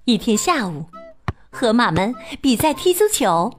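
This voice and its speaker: Lively woman reading a children's story. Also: fairly high pitch, unhurried, faint music behind. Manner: expressive, playful storytelling.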